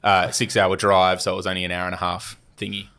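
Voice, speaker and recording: A man's voice: sits low, completely flat delivery, fast, bright, forceful tone, smooth. A young Australian man, a podcast guest, telling a travel story in a rambling way, with many fillers and restarts and acted-out quotes. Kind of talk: casual storytelling.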